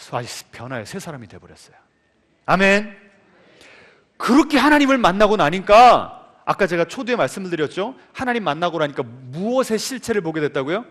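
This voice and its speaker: High, lively preacher in a reverberant church. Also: male voice. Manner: storytelling with questions to the congregation. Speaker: pastor. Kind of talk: sermon. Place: church sanctuary.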